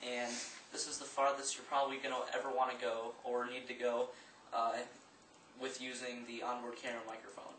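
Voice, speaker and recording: A man's voice: mid-range voice, level tone, brisk, fairly bright tone, roomy sound. A man speaking from far away from the mic, giving a casual microphone test demo to camera. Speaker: microphone reviewer. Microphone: on-camera and shotgun mics at a distance. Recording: distant camera mic, background noise.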